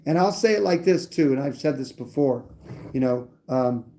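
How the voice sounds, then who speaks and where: A livestream host from New Hampshire talks politics casually, bluntly and ramblingly, with some cursing. His voice sits in the middle range with a dark tone, and he sounds animated while keeping a moderate pace.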